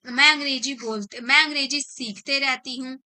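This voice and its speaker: A woman teaching spoken grammar, patiently explaining and repeating each example sentence slowly. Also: high voice, fairly even intonation, sharp tone, smooth. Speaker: English teacher. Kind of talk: spoken English grammar lesson.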